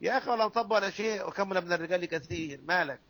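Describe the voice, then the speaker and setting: Egyptian sheikh teaching in a husky voice. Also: male voice, high voice, very fast, fairly bright tone, no echo, low-quality recording. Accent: Egyptian Arabic. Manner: drills sounds syllable by syllable, asks the student questions. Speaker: sheikh teaching a Quran recitation text. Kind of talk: explaining a classical text in a class.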